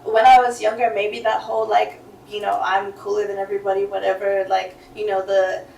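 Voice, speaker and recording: A woman's voice: mid-range voice, little pitch movement, brisk, gravelly, a little mellow, recorded from a distance. A young woman speaks frankly and loosely as a guest, with plenty of filler words. Her voice sits a little back from the mic in a roomy space with a faint hiss beneath. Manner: candid, laughs often, many filler words. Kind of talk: casual interview chat.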